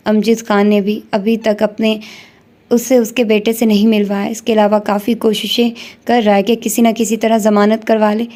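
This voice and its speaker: A woman voicing a stern, protective young male police officer who speaks gravely. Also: medium pitch, flat delivery, dark tone, lightly acted. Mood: grim.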